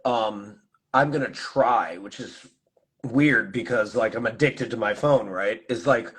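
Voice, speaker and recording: A hoarse, husky-voiced man hosts a casual chat about play. His voice is worn and rough from losing it. He talks with enthusiasm and muses in a string of what-if questions, at a middling pitch. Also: a bit bright. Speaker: host and play designer. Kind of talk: casual conversation.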